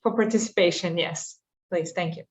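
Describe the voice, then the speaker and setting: A woman's voice: fairly low pitch, moderate pace. A woman on a video call asking a polite question. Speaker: meeting participant.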